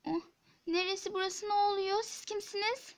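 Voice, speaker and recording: A woman playing a frantic, shrill young mother. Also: steady tone, normal speed. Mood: panicked. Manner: shrill, crying and shouting. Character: frantic young mother desperate over her child. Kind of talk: Turkish toy-app drama voice acting.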